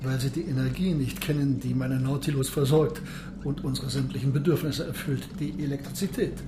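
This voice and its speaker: An actor playing a proud, world-weary submarine captain in a radio play, speaking formally and with grand declamation. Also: male voice, mid-range voice, fairly even intonation, brisk, lightly acted. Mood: confident, explaining. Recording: echoey room, background noise.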